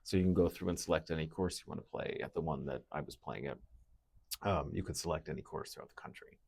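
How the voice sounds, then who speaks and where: A man with a very low, gravelly voice co-hosts a casual podcast. He talks in an easygoing way and drops dry jokes into his stories. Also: quick pace, a little mellow, a little hiss or hum. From Wisconsin. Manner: easygoing, joking storyteller. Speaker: podcast co-host, financial advisor.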